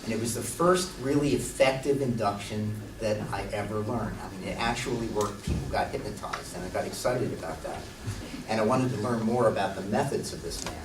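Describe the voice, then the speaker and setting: A man's voice: fairly low pitch, fairly quick. A man on a conference panel speaking earnestly and enthusiastically about hypnosis training. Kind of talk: panel talk. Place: conference hall. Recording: echoey hall, distant mic, background noise.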